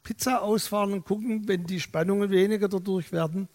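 Man, pastor, sermon, high voice, lively storytelling, long echo of a church hall. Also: fairly quick. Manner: lively storytelling, acts out dialogue.

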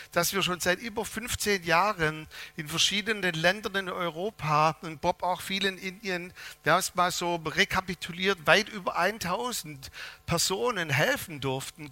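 Bright, high-voiced male preacher. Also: no room sound. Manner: lively, humorous storytelling with shifts of loudness. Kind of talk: sermon.

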